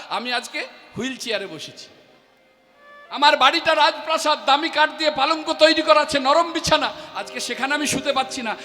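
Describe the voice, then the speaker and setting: A man's voice: very high voice, sharp tone. A man preaching a devotional sermon, emphatic and impassioned, breaking into chanted refrains. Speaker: kirtan singer and preacher. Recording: echoey hall with faint music.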